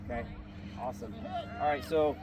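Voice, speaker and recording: A man's voice: mid-range voice, fairly even intonation, normal speed. A man coaching a soccer team in a halftime pep talk, instructive and often checking understanding with short tag questions. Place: outdoors at a sports field. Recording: outdoor field with clear traffic noise.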